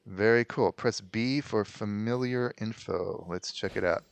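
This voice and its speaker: A man in his thirties giving casual gameplay commentary, slightly hoarse with a low growl, chatty and full of ums and restarts. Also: a little slow, dry recording. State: voice going hoarse. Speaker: let's play host.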